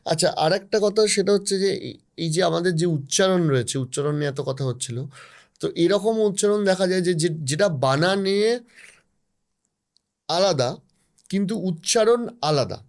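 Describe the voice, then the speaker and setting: A male podcast host with a notably high voice asks curious questions. He stacks up example after example as he talks. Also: expressive, normal speed. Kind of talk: conversational interview.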